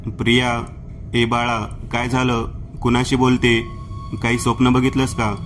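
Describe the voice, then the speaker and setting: Man doing worried village mother, fussing, pleading, monotone, horror storybook reading. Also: mid-range voice, measured pace, a little hiss or hum, natural voice. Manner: pleading, fussing over her child. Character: anxious, caring village mother of a teenage daughter.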